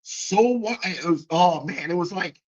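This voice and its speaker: A man on a livestream telling a story from his own life in a casual, animated way, swearing freely and restarting often. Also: high-pitched, unhurried, dull audio. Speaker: guest.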